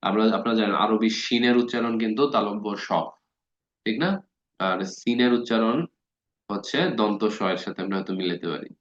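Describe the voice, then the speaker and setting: A man giving a casual spoken grammar lesson, talking conversationally, often checking that listeners follow and stretching out words slowly to show how they are spelled. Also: fairly low pitch, fairly even intonation, fairly bright tone. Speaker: Bengali grammar teacher. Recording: dull lo-fi recording.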